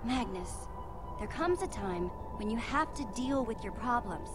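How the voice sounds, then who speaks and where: A woman's voice: on the high side, expressive, a little slow, over loud music. A woman playing a plucky, earnest young hero in a video game, with a wry, determined manner.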